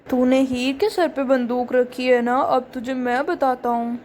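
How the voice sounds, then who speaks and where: A woman doing a sly young army officer, doll story, cocky, high-pitched. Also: fairly even intonation, measured pace, a little mellow, a little hiss or hum. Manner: cocky, playing innocent. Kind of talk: doll story role-play.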